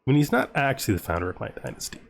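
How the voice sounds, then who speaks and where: A gaming video host gives casual let's play commentary on a strategy game, musing aloud and reading out game text. His medium-pitched voice swoops wildly, moves very fast and carries vocal fry. Background music plays throughout.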